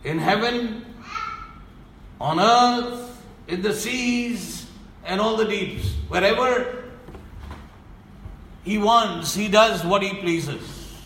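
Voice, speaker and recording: A male preacher delivers a sermon at a slow, deliberate pace, stern and emphatic, sinking low to hammer a point home. His voice sits a little high for a man, with a gravelly edge. The recording is roomy and echoey, with faint ambience behind him. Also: fairly bright tone, slight background noise.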